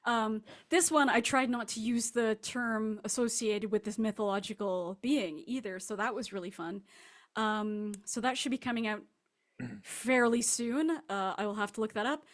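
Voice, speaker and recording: A woman with a fairly high-pitched voice speaks at a normal speed as a guest fiction writer in an interview. She is casual, rambling and self-deprecating.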